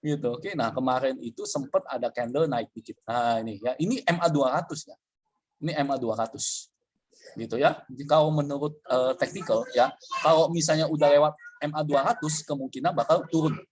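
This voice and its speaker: A man's voice: a little high, brisk, husky. A man presenting a casual trading webinar, chatty, with frequent fillers and checks that the listener follows.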